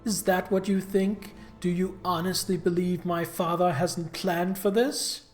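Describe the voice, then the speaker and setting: A man's voice: sits high, flat delivery, a little slow, faint music behind. A man voicing an arrogant, vengeful captured noblewoman from a video game, with a menacing, haughty cartoon-villain delivery. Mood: haughty, threatening. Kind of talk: reading video game dialogue aloud.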